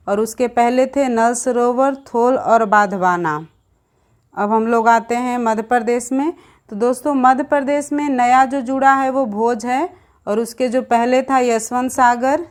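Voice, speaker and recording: A young woman teacher, rattling off long lists of names in a quick exam revision lesson and calling her viewers friends. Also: fairly high pitch.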